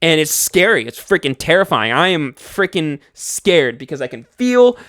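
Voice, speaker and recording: A young man telling a scary personal story in casual speech, animated, swearing freely and full of fillers and restarts. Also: on the high side, normal speed, no room sound, clean studio sound.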